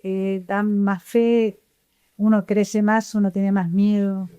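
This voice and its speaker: A woman's voice: medium pitch, little pitch movement, slow pace, warm tone, clean tone. A woman at a retreat, eagerly asking a string of questions one after another.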